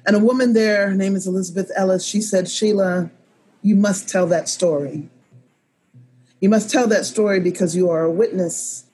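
A woman telling a personal story with a storyteller's measured delivery. She leans on repeated phrases to drive each point home. Her voice sits at an everyday middle pitch. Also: fairly even intonation, warm tone, slight background noise. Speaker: professional storyteller. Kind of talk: told personal story to a live audience.

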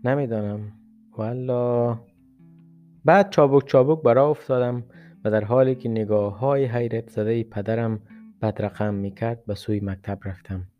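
A man reading a literary short story in a measured, reflective first-person voice. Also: mid-range voice, muffled recording. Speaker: story reader. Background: faint guitar music.

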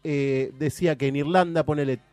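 A man's voice: on the high side, steady tone, fairly quick, a little mellow, dry recording. A young man with an Argentine Spanish accent presenting a segment on a radio show, chatty and teasing in casual banter. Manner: chatty, teasing, often interrupted.

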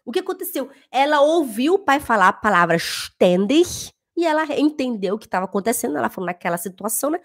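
A woman who teaches German speaks casually to her viewers in a high voice. She is emphatic and drives points home by repeating phrases. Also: sing-song, fast. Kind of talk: casual talk to camera.

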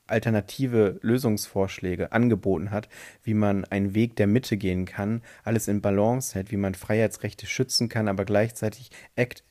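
A man's voice: lowish voice, warm tone. A man giving a casual opinion monologue, speaking hesitantly as he searches for words and corrects himself.

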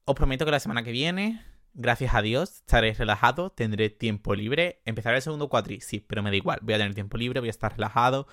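A young man of middle pitch hosting his podcast, talking fast and tumbling from one idea to the next. He is self-deprecating and stressed from exams, and acts out his own thoughts with leaps in pitch. The sound is dry and close, with no room echo. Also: expressive, a bit bright. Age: young adult. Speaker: podcast host. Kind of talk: casual solo chat.

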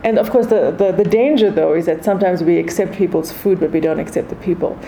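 South african woman w durban indian accent, soft mellow tone, chatty interview guest, bit of background noise. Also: on the low side, quick pace, low-quality recording. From South Africa, east coast. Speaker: podcast guest, food and wine expert. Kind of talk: conversational interview.

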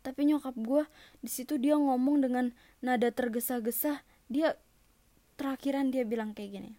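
A young woman telling a personal story in an emotional, halting way, often restarting her sentences. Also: high voice, steady tone, mellow, dry recording.

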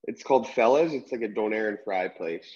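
A man's voice: lowish voice, a little fast, darkish tone, husky, no echo. A young man from Canada, a hockey player, chatting easily as a guest over a video call, with short agreeable replies. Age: young adult. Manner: easygoing, brief agreeable replies. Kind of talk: casual interview chat. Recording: dull lo-fi video call audio.

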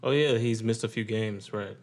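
A man's voice: on the low side, moderate pace, darkish tone. A young man bantering casually with a friend in slangy, laid-back frat-bro talk.

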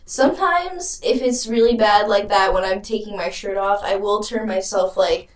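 A woman's voice: mid-range voice, normal speed, recorded from a distance. A woman co-hosting a podcast, chatting casually and bluntly with plenty of swearing and laughter. Her voice sits a little back from the mic, and the room behind it rings with echo. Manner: frank, profane, laughing. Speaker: podcast co-host. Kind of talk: casual chat. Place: small room.

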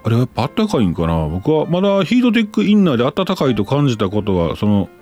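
A man's voice: mid-range voice, huge pitch swings, fast, mellow, faint music behind. A man with a Kansai accent hosting a casual talk show, reading listener letters aloud and chatting about them with his own asides. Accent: Kansai Japanese. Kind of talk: casual chat.

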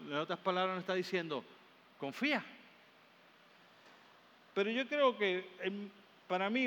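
A man's voice: sits high, a bit bright. A male pastor with a Caribbean Spanish accent, preaching a sermon in a church hall and building up in emphatic repeated phrases. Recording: long hall reverb, faint room noise.

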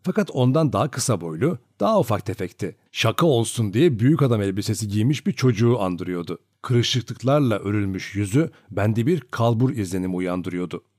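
A male narrator reads a novel aloud with expressive storytelling, his pitch rising and falling in a lively way. The recording is dry and close, with almost no room sound. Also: fairly quick, few pauses, no echo. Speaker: audiobook narrator.

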